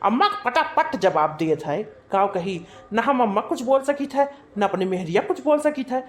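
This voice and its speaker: A soft-hearted young husband in a cartoon, voiced by a woman, pleading and wheedling with pet names. The voice sits fairly high for a man. He sounds eager to please and never firm. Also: lively intonation, normal speed, natural voice. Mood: complaining. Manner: pleading, sweet-talking, wheedling. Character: meek young village husband, pleading and coaxing. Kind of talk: cartoon voice acting.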